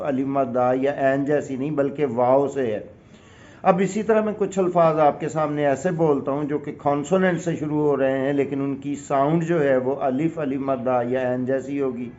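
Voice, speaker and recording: Speaking in a medium-pitched, slightly mellow voice with a Pakistani accent, this man from Pakistan guides learners through English grammar patiently and methodically, with examples. It's a dull, lo-fi recording.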